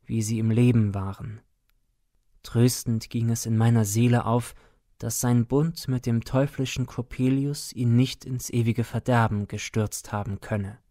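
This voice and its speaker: Slow solemn male storyteller. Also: mid-range voice, dark tone, no room sound, clean studio sound. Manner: measured, solemn, dramatic. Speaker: audiobook reader. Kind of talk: scripted narration of a classic tale.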